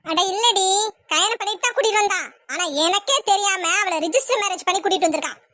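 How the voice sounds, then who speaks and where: A woman's voice: very high-pitched, fast talker, sharp tone, no room sound, clean studio sound. A woman voicing a scheming, melodramatic village mother-in-law in a cartoon, with a southern Tamil village accent. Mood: sugary pleading. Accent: Tamil Nadu southern village. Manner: sweet-talking, melodramatic. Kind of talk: cartoon voice acting.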